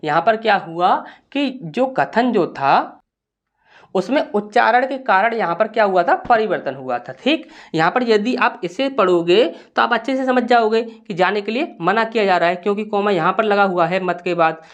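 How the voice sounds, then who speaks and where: A man's voice: sits high, animated, moderate pace, a bit bright. A male teacher giving a grammar lesson in a patient, step-by-step classroom manner. He keeps posing rhetorical questions to his students and then answers them himself.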